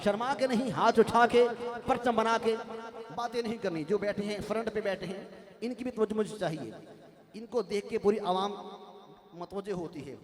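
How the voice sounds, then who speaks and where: Rousing man leading a devotional chant. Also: high voice. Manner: rousing, urges the audience to chant along. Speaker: naat reciter. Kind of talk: devotional naat singing with crowd call-outs. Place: large gathering. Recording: echoey live event with loud crowd and music.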